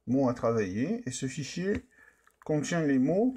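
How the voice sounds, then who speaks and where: A man narrating a step-by-step software demonstration in a plain, explanatory way. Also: mid-range voice, big pitch swings, a little slow, slightly rough. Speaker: software tutorial presenter.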